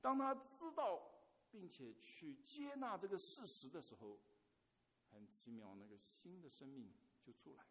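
A man's voice: mid-range voice, sing-song, moderate pace, fairly bright tone, breathy edge, in a large hall. A man preaching a sermon, telling a story and putting questions straight to his congregation. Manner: asks the congregation questions directly.

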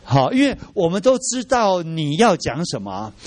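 A middle-aged man teaching a church training class, lively and often asking his listeners rhetorical questions, with English words mixed into his speech. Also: high-pitched, moderate pace, no room sound.

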